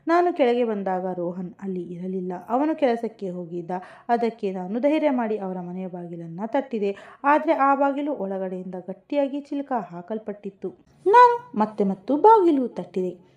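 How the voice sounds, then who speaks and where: A woman narrating a suspense story in the first person, with a steady, dramatic reading. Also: medium pitch, normal speed. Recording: muffled lo-fi recording.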